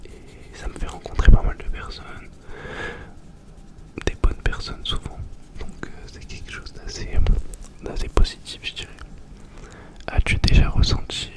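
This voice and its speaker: A young man doing ASMR, chatting informally in a breathy whisper right in the listener's ear, very close to the microphone. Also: a little slow, long pauses. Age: young adult. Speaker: ASMR video host. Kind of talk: ASMR, informal question-and-answer chat.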